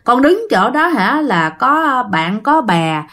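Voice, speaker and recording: A woman's voice: a little high, sing-song, takes it slowly, pushed and bright, full character voice. A woman voicing the wandering ghost of a young man, speaking bluntly and pleading for food in a storytelling retelling. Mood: stubborn. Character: young man's wandering ghost, stubborn and hungry.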